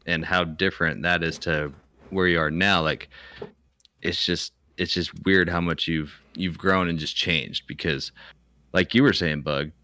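A man's voice: deep voice, fairly even intonation, measured pace, sharp tone, dry recording. A man co-hosting a podcast, chatting casually in a rambling, reflective way. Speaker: podcast co-host. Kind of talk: casual group chat.

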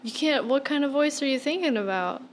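A woman's voice: high voice, expressive, brisk, noisy background. A woman co-hosting a casual podcast chat, playful, laughing and swearing freely. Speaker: podcast co-host.

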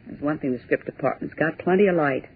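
Deep-voiced and breathy, the actress gives a heavily acted turn as a brash young typist in a 1940s radio play. Sarcastic and scoffing, she orders others about with snappy retorts, all on a tinny broadcast recording.

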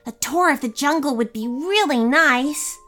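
A woman's voice: sits high, animated, a little slow, fairly bright tone, faint music behind, pitched above the performer's own voice. A woman voicing a young girl explorer who is hopeful and believes in magic, speaking earnestly.

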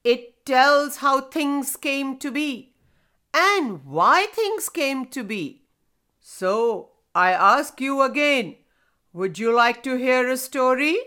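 A woman's voice: sits high, lively intonation, slow pace, bright, forceful tone, clean tone, full character voice. A woman doing an ancient talking stone spirit. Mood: solemn. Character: ancient wise male stone spirit storyteller.

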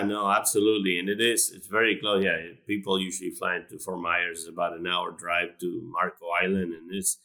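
A low-pitched man from Argentina talks through his career in a relaxed interview. His voice is bright and forward, and he often stops to restart a phrase. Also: low-quality recording. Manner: hesitant, many restarts and fillers. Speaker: animal science professor, guest. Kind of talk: conversational interview.

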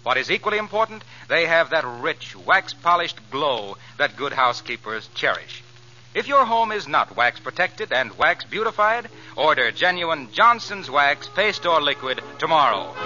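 A man's voice: on the high side, sing-song, moderate pace, bright, forceful tone, faint music behind. An American man speaking as an old radio serial announcer, reading a sponsor message with polished, emphatic salesmanship. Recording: dull vintage 1940s radio recording.

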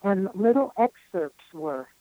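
A woman in her nineties, a spiritual counselor being interviewed, telling an experience in an earnest, reflective way with frequent pauses. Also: medium pitch, expressive, phone-quality sound. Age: 90s.

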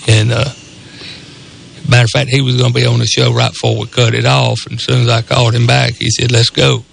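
Southern guy co-hosting sports radio, super gravelly creaky voice, rambly rural drawl. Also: mid-range voice, flat delivery, fairly quick, fairly bright tone, a little hiss or hum. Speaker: radio co-host. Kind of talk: casual sports talk radio chat. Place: radio studio.

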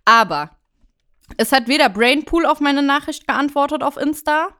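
Rambling young woman podcaster, higher voice. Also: moderate pace, bright, forceful tone. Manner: rambling storyteller, laughs often. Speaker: podcast co-host. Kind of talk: casual chat.

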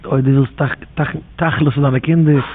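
A man's voice: on the high side, fairly even intonation, a little fast. Man telling rambling stories on a tinny line. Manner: rambling, repetitive, chant-like phrasing. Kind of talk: informal religious storytelling. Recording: tinny phone-like audio with faint noise.

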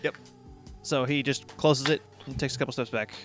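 A man narrating as game master in a tabletop game, with a relaxed, chatty way of talking. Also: mid-range voice, normal speed, faint music behind. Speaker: dungeon master.

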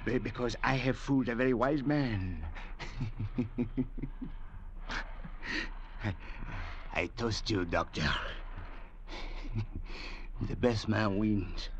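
An actor playing a bitter, suspicious castaway in a drama, volatile and menacingly mock-polite. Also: male voice, lowish voice, moderate pace, lo-fi sound, background noise, lightly acted. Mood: gloating. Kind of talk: theatrical drama acting.

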